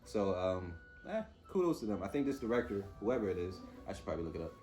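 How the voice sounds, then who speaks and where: A man's voice: lowish voice, sing-song, quick pace, a little mellow, soft background music. A man giving a casual, off-the-cuff TV review, informal and opinionated as he mulls things over aloud. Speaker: host reviewing TV episodes.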